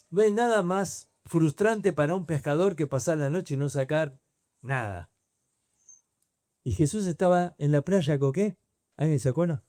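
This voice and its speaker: A man with a Rioplatense accent preaching to a youth camp, telling the story in a lively way and putting questions to his listeners. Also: a little high, no room sound, studio quality. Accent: Rioplatense Spanish. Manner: storytelling, asks the audience questions. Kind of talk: sermon.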